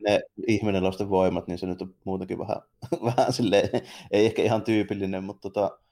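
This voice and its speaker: A man with a low, creaky voice co-hosts a podcast, chatting casually about films with another co-host. His delivery is flat and mellow, and his speech is colloquial, rambling, and loosely phrased.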